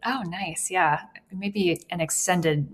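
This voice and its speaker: A woman's voice: fairly low pitch, takes it slowly. A woman co-hosting a podcast, asking questions in a friendly, easygoing way. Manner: friendly, easygoing, laughs along. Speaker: podcast co-host. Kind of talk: casual interview conversation.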